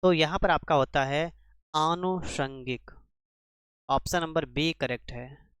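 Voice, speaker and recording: A man's voice: fairly high pitch, normal speed, fairly bright tone, clean tone, dry recording, clean studio sound. A man teaching a spelling lesson for exam preparation, quizzing the class with rhetorical questions and repeating each answer. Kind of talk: exam-prep grammar lesson.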